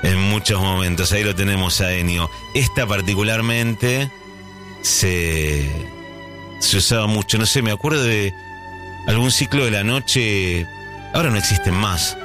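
Low-voiced Argentine radio host. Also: male voice. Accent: Argentine Spanish. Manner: musing, reminiscent, relaxed, speaks over soft music. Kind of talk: late-night radio chat and call-in. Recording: faint music behind.

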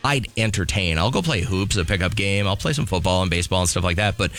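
A man's voice: low voice, quick pace, a bit bright. A middle-aged man, co-hosting a casual morning radio show, laid-back and chuckling often. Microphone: studio microphone.

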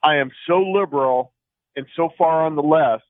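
A man with a slightly high voice calls in to a talk show over the phone, speaking at a normal speed. He rambles, full of fillers and restarts, as in typical call-in radio chat. The line sounds tinny and dry, with no room sound.

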